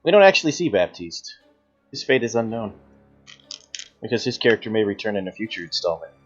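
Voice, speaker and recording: A man's voice: fairly low pitch, big pitch swings, brisk, dull audio. A man narrating a tabletop horror game as game master, with dramatic storytelling. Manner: dramatic second-person storytelling. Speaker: game master, show host.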